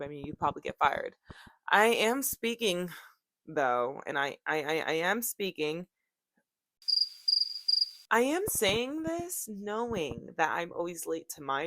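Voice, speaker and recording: A woman's voice: on the low side, a bit bright, no room sound. A woman in her twenties talking casually to camera, rambling off topic, joking and swearing freely. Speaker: YouTuber.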